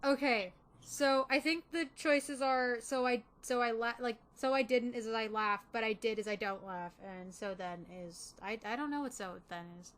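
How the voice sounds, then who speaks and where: A woman's voice: fairly high pitch, moderate pace, a bit bright, slight background noise. Chatty woman reading a game aloud. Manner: giggly, chatty. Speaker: game player and narrator. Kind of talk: reading a dating sim aloud with commentary.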